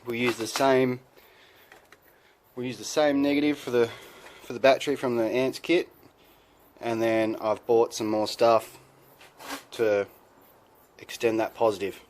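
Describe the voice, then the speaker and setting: A man's voice: mid-range voice, steady tone, measured pace, pauses often, a little mellow. Laid-back New man, noisy recording. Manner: laid-back, colloquial, plain-spoken. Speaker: host of a DIY car video. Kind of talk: casual hands-on DIY vlog narration.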